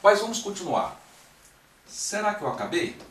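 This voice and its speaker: A man's voice: high voice, very animated, normal speed, fairly bright tone. A man teaching a math lesson step by step, often checking in with his students as he works. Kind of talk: recorded classroom-style lecture. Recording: echoey room, mic at a distance.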